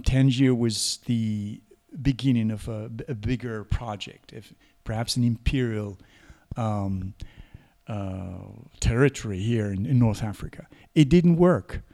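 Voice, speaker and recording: A man giving scholarly interview answers in a halting, deliberate manner, searching for words. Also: mid-range voice, mellow. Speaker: interview guest, historian.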